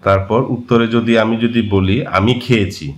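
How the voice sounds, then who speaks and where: A man with a fairly low voice, a native Marma speaker, teaches a language lesson over a shared screen. He explains patiently and pauses often to hesitate between points. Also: fairly even intonation.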